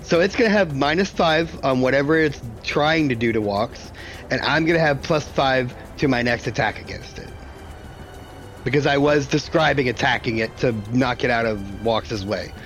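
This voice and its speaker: A man's voice: medium pitch, normal speed, a bit bright, soft background music, low-quality recording. A man chatting casually as a player in a tabletop game.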